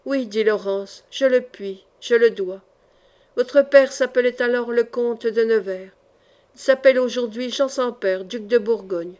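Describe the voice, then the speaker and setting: A tormented, half-mad mother, read by a woman with a fairly high voice. She speaks in broken, halting outbursts, circling back on her own words. It sounds like an audiobook recording. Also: darkish tone, natural voice. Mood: urgent.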